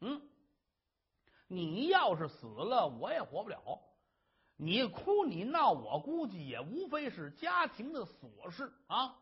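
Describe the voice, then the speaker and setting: A man's voice: high-pitched, huge pitch swings, slightly rough, voice pushed up, full character voice. A man doing a blustering, coaxing husband. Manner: coaxing, blustering, quick-talking. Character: doting scholar husband, boastful and coaxing. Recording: dull lo-fi recording.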